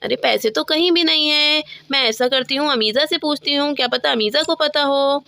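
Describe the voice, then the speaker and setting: A woman voicing a gentle mother in a doll-play story, speaking softly and calmly. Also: high-pitched, normal speed, creaky, no echo, heavily acted. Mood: worried. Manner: soft, calm, motherly. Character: gentle busy mother of a little girl.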